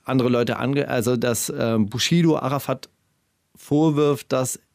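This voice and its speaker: A man hosting a podcast in a casual chat, halting and restarting his phrases, chuckling as he talks. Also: mid-range voice, darkish tone, no echo, studio quality. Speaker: podcast host.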